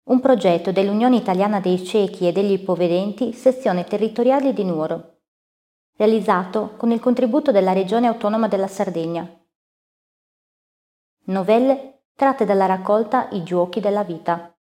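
A woman reading a clear, formal introduction to an audiobook. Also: medium pitch, moderate pace, dark tone. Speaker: announcer.

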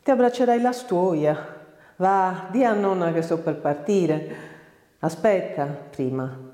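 A woman's voice: fairly low pitch, slow, warm tone. A woman reading the lines of a carefree, mocking young man, a rich landowner, in a storybook reading with a roomy echo. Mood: teasing. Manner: mocking, boyish laughter in the voice. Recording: roomy reverberant room.

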